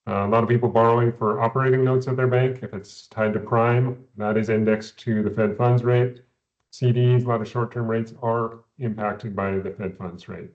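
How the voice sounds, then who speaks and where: A man, an investment adviser, explaining economics in a measured way, often repeating words at the start of phrases, heard over a video call. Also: mid-range voice, steady tone, darkish tone, highs cut off. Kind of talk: explaining economics in a recorded company Q&A.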